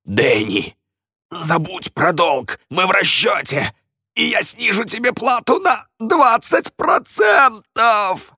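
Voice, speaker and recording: A man voicing a brash, rude landlord on crutches who yells and pleads in a shrill voice. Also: very animated, slow, no echo, clean studio sound, full character voice. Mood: shrill, panicky.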